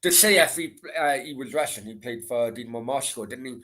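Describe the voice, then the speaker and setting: This middle-aged man from Merthyr in south Wales has a Valleys accent and a mid-range voice, a little fast, pushed and bright. He's hosting a casual late-night football Q and A on a livestream, sweary and rambling, repeating himself as he chats.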